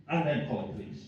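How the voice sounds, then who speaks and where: Male comedian, Swansea Welsh accent. Rambling, sweary, self-deprecating crowd banter, animated pitch, very echoey live room. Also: dull audio, a little hiss or hum. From Swansea, Wales. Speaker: stand-up comedian. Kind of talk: stand-up comedy with audience banter. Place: live comedy venue with small audience. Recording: very echoey room, distant mic.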